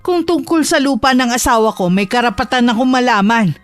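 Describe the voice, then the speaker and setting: A woman's voice: fairly high pitch, lively intonation, a little fast, soft background music, close to an everyday voice. A woman playing a selfish, haughty mother who became rich and returns to claim what she sees as hers, speaking coldly and condescendingly. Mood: scornful. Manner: condescending, cold, defiant. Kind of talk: Tagalog audio drama acting.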